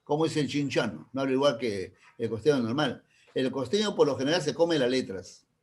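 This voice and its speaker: A man's voice: mid-range voice, expressive, a little fast, a little mellow, breathy edge. Peruvian guy teaching a class, keeps asking the room if they follow, medium voice. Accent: Peruvian Spanish. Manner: checks in with tag questions, explains with everyday examples. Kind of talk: classroom lecture.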